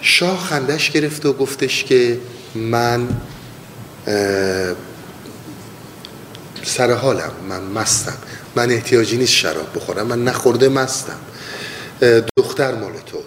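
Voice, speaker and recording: A man teaching mystical poetry, chanting lines slowly and then explaining them in quick casual talk. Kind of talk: spoken lesson with slow verse recitation. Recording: long hall reverb, faint rumble.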